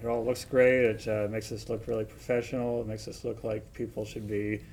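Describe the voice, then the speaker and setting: A man with a mellow, dark voice talks about his show in a loose, rambling way. He leans on you-knows and uhs as he circles around his point. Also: fairly low pitch, flat delivery, fairly quick, slight background noise. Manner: rambling, many fillers. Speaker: actor. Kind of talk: casual podcast chat.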